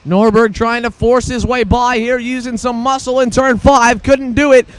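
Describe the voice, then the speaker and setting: A male motorsport commentator with a very high-pitched voice delivers live race play-by-play. He calls the action urgently and excitably, following every move as it happens. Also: normal speed, smooth, no room sound.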